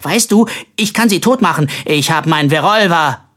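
A reader voicing an impulsive young man with the mind of a small child, in an excitable, childish manner. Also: medium pitch, normal speed, pitched above the performer's own voice, lightly acted. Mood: eager. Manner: excitable, loud, childish talk. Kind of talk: audiobook character voice.

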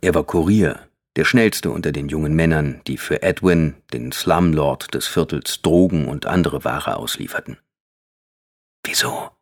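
A man reading a novel aloud as an audiobook narrator, in steady, measured scripted narration. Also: very deep voice.

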